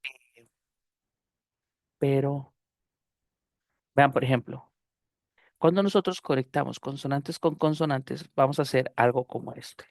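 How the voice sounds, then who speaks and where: A man's voice: mid-range voice, a little slow, long pauses, no echo, studio quality. Costa Rican man teaching English online. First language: Spanish. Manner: explanatory, repeats phrases, many fillers like "este" and "eh". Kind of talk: online class lecture on pronunciation. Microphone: computer mic on a video call.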